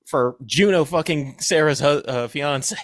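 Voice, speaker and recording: A man in casual podcast chat, talking through a movie with lively, indignant energy. His voice shoots up in pitch when he is outraged, and he laughs often. The sound is dry and close. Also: unhurried, dry recording. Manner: animated, laughing, jumps to high indignant pitch. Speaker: podcast co-host.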